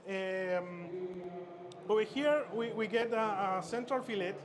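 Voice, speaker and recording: Chef instructor from Chile, male, raised pitch, stop-start cooking demo patter over loud expo noise. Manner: halting, many fillers and repeated words. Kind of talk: live cooking demonstration. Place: expo stage. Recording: noisy expo hall ambience.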